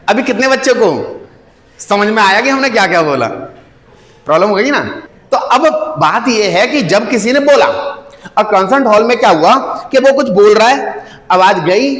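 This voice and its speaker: Lively male teacher in an echoey classroom. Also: high-pitched. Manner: lively, asks the class questions often. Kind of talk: classroom science lesson. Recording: echoey room, long reverb.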